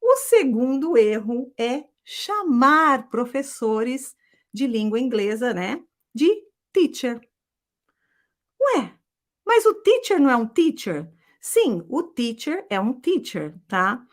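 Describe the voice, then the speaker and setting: A middle-aged woman, teaching a live online English lesson in a lively, chatty way. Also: high-pitched, takes it slowly. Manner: lively, chatty, often adds "tá?".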